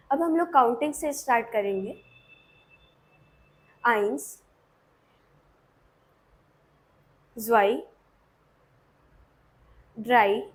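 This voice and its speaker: A woman's voice: high-pitched, a little mellow. A woman with an Indian accent teaching a beginner language lesson, explaining patiently step by step and checking in often.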